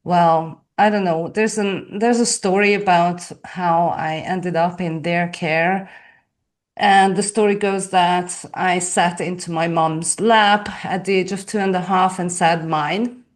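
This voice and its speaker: Hungarian-accented woman guest, low voice, slow and thoughtful, second language. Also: fairly even intonation. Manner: slow, thoughtful, with soft laughs. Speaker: podcast guest. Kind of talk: casual interview talk.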